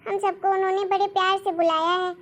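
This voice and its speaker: A woman voicing a gentle, patient mother who softly coaxes her family in a cartoon story. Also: very high voice, level tone, a little fast. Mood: coaxing. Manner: soft, coaxing, patient. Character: gentle pleading middle-aged Indian mother. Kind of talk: cartoon voice acting.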